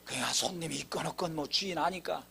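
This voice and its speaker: A man with a high, husky voice delivers a sermon as a church pastor. He tells his story with dramatic swells in pitch and acts out quoted dialogue along the way. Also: fast, sharp tone. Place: church sanctuary.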